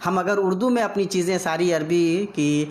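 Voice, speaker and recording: A man from India hosts a live discussion, building his arguments slowly and thoughtfully. His voice sits fairly high, and it rings a little in an echoey room. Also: steady tone, slight background noise. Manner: deliberate, thoughtful, measured arguing. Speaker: host.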